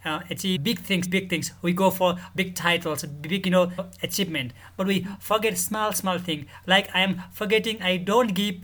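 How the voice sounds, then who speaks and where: A man from Nepal, a guest in a podcast interview who explains his work in an earnest, measured way. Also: high-pitched, steady tone, fairly bright tone. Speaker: guest, mental health director.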